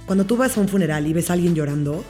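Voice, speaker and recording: A woman's voice: lowish voice, expressive, very fast, warm tone, faint music behind. A woman, a parenting expert explaining things emphatically in an interview.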